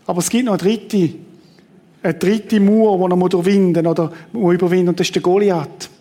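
Man preaching, high and animated. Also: fairly quick. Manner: animated preaching, acts out quoted voices, restarts mid-sentence. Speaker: pastor. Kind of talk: sermon.

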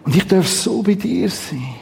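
A man with a Swiss German accent preaching a sermon, telling the story vividly and then reading scripture quietly. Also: high voice, animated, measured pace, creaky.

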